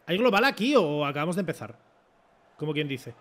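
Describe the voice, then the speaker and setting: A young man from Spain, commentating his own football game run with excited swearing and rants. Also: on the high side, a little fast. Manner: excitable, swears a lot, talks to the referee and coach. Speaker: gaming streamer. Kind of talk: live gameplay commentary.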